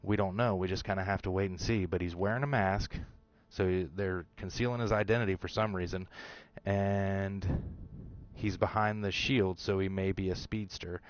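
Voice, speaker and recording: A man's voice: low voice, fairly even intonation, normal speed, lo-fi sound. A man hosting a show, casually talking through his theories about a TV episode, rambling with fillers and restarts. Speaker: show host.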